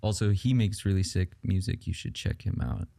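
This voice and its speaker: A man's voice: low-pitched, moderate pace, gravelly, mellow, no room sound. A man of twenty-four, a band member guest, laid back and a bit self-deprecating. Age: 20s. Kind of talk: casual interview chat.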